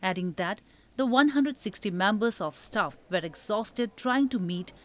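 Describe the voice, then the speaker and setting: A female news anchor reading scripted headlines in a studio with a measured, formal delivery. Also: mid-range voice, animated, a bit bright.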